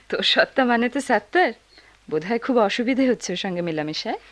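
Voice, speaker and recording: শান্ত, রসিক বড় মেয়ে, উঁচু প্রাণবন্ত গলা. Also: female voice, fairly high pitch, very animated, fairly quick. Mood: wry. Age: young adult. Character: level-headed working elder daughter, dry humor. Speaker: elder working daughter. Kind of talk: 1990s radio drama acting.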